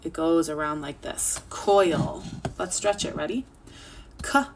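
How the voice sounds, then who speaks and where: A woman teaching children an online phonics lesson, sounding out words slowly and clearly. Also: low voice, slight background noise.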